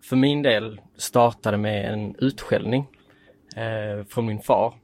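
Guesting on a podcast, a late-twenties man spins a lively, casual story, performing the lines of dialogue he quotes. He has a lowish voice.

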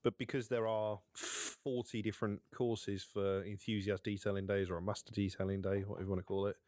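A man co-hosting a podcast, talking casually with lots of restarts and thinking out loud. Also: fairly low pitch, little pitch movement, brisk, dry recording, studio quality. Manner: talkative, thinks aloud with many restarts. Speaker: podcast co-host. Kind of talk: casual chat.

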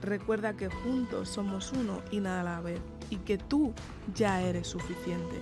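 A woman's voice: medium pitch, steady tone, measured pace, over music. A woman with an accent from Spain giving an earnest, encouraging motivational monologue straight to the listener as a podcast host, speaking while sick with a sore throat. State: sick with tonsillitis and fever.

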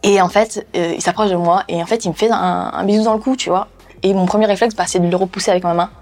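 Young woman, personal testimony, halting, lots of fillers and restarts. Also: mid-range voice, fairly even intonation, darkish tone. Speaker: interviewee telling her story.

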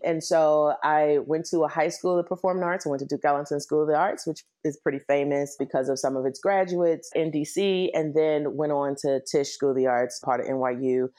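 A woman's voice: deep voice, steady tone, a little fast, mellow. A middle-aged American woman with a Washington, DC accent, telling her own story conversationally as an interview guest. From Washington, DC, United States. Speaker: interview guest, nonprofit executive.

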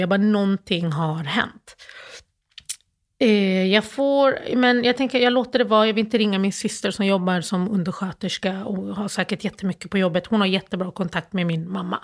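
A grieving woman as an interview guest, telling a personal story in a halting, emotional way with many restarts. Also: mid-range voice.

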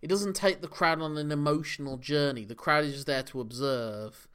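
A man's voice: a little high, moderate pace, a bit bright, clean tone. Chatty analytical man talking wrestling. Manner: chatty, analytical, laughs often. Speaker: podcast co-host. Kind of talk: casual wrestling discussion.

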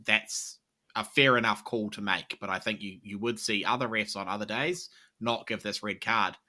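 A man co-hosting a football podcast, arguing in a measured, reasoned way and often repeating "I think". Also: on the low side, bright, forceful tone. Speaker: podcast co-host. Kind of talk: casual sports podcast chat.

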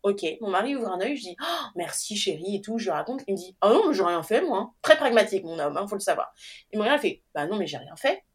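A woman's voice: mid-range voice, fast, husky. A young adult woman telling her own story in casual chat, acting out the voices in her quotes and laughing often. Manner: animated, acts out quoted dialogue, laughs often.

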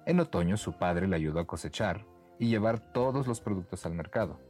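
Low-ish guy reading a kids bedtime story, lively tone, soft music behind. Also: a little fast.

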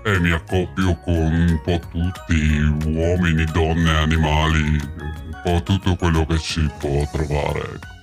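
A man putting on the voice of an anonymous interview guest, his speech run through a voice changer that disguises it deeper, answering in a slow, hesitant, matter-of-fact way. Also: little pitch movement, faint music behind. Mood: deadpan. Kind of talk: comedic podcast skit.

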